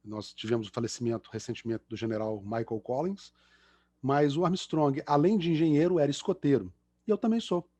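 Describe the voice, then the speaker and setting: A middle-aged guest engineer from Belo Horizonte, with a Mineiro Brazilian Portuguese accent, chats and cracks jokes over a video call at the end of an online lecture. His mid-range voice is warm and husky, a little fast, and he's a chatty, self-mocking joker with many fillers.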